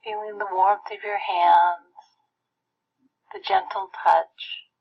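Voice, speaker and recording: A woman guides a meditation in a soft, breathy voice that often thins toward a whisper, with some creak in it. She leaves gentle pauses between phrases. The recording is muffled and lo-fi. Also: medium pitch, steady tone. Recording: muffled lo-fi playback.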